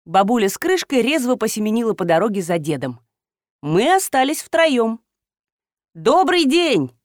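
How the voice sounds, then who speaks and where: A woman reading a comic novel aloud with lively, expressive storytelling. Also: on the high side, normal speed, no echo, clean studio sound. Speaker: audiobook narrator. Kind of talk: scripted narration of a comic novel.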